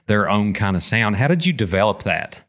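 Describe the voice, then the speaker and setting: A man's voice: fairly low pitch, sing-song, brisk, fairly bright tone. A man asking questions as an interviewer in a casual, colloquial chat. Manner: informal, colloquial grammar.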